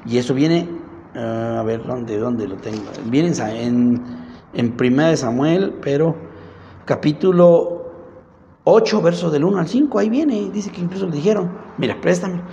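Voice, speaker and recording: Preacher, fairly high gravelly voice, dark tone, dull recording in a reverberant hall. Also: male voice, lively intonation, moderate pace, slight background noise. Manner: asks the congregation questions and reads scripture aloud; acts out quoted dialogue in higher voices. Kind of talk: sermon.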